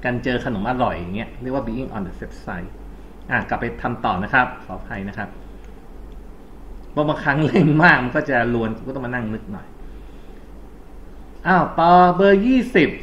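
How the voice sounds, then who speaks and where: A Thai-accented man explains English grammar in a loose, chatty classroom way, often catching and correcting himself. His voice is bright and pushed forward. The recording is a little dull, with faint noise behind it. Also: mid-range voice, animated, moderate pace, long pauses. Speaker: English teacher. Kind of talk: recorded exam-prep lesson.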